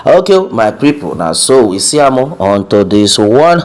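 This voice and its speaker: A man's voice: on the low side, very animated, normal speed, darkish tone. A Nigerian man giving informal news commentary, repeating points for emphasis and addressing his listeners directly with hesitation sounds.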